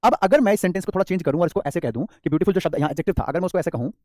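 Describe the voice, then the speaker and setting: A man with an Indian accent teaching English grammar in an online class, calling students "beta" and slowly repeating key terms. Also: high voice, mellow, no room sound, clean studio sound.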